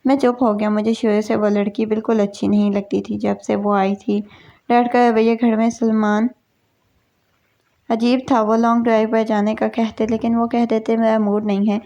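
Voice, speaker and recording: A woman reading a family drama aloud as steady scripted story narration, telling it from a young man's point of view. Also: fairly high pitch, highs cut off. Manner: even, steady reading in a first-person male role.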